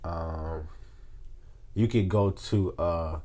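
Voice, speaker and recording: A young man from South Carolina with a Southern US accent co-hosts a podcast while sick with a sore throat. His low, dark voice moves very slowly as he rambles, jokes, and chats colloquially in a casual conversation.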